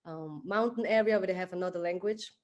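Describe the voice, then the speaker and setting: A woman from Switzerland, a guest on a podcast, telling her life story in a relaxed way with many filler words. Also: lowish voice, brisk. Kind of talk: casual interview storytelling.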